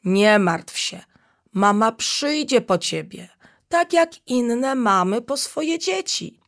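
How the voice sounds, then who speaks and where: A woman's voice: a little high, lively intonation, slow pace, pitched above the performer's own voice. A woman voicing a kind, caring female elephant teacher who soothes the children in a storybook. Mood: soothing. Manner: gentle, soothing.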